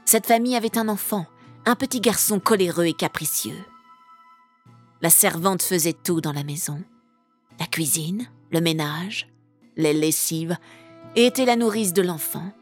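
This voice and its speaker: A woman reading brings to life a vengeful witch in a storybook, who threatens in a hushed, menacing growl. Her voice sits low, and faint music plays beneath it. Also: measured pace, long pauses. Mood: storytelling.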